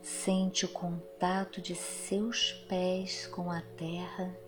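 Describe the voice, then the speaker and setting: A woman narrating a guided meditation in a soft, soothing, breathy voice that trails into a near-whisper, with long pauses. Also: fairly low pitch, little pitch movement. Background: music.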